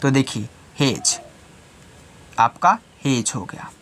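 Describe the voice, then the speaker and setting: A man's voice: medium pitch, animated, slow pace, fairly bright tone, a little hiss or hum. A man teaching English spelling rules, asking a question and answering it himself over and over. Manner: repeats questions and answers to drill students. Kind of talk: slow classroom-style lesson.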